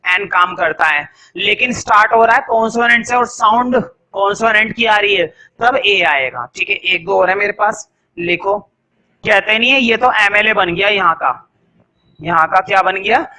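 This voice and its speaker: A man teaching a grammar class at a board, lively, asking the class questions and answering them himself. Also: high-pitched, normal speed, low-quality recording.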